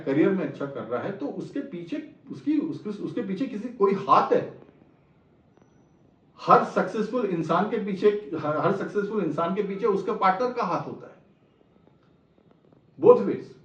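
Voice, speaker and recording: A man's voice: high voice, expressive, normal speed, a bit bright. A middle-aged man gives an explanatory lecture as an astrologer, mixing phrases into his Hindi and repeating his key points. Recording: roomy, distant, slightly dull sound.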